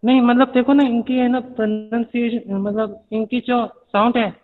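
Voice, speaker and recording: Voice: mid-range voice, fairly even intonation, normal speed. A student asking a teacher questions during an online class, hesitant and repeating the point. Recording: tinny phone-like line with long reverb.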